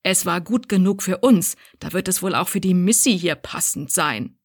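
A woman putting on a creaky, gruff grumpy old woman. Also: lowish voice, lively intonation, normal speed, no echo, clean studio sound. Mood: indignant. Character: stooped grumpy older woman, harsh.

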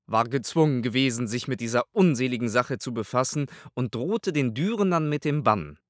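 A man voicing an irritable, imperious old pope in an audiobook, speaking pompously and forcefully. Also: medium pitch, animated, normal speed, no room sound, studio quality, natural voice. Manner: pompous, raised and forceful delivery. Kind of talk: audiobook character voice.

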